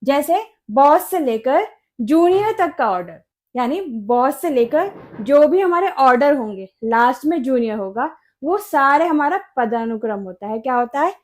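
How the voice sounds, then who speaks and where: Woman from India, pronunciation teacher; high voice, unhurried, repeats each word with care. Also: lively intonation. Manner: slow, repeats words carefully for learners. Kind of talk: pronunciation lesson.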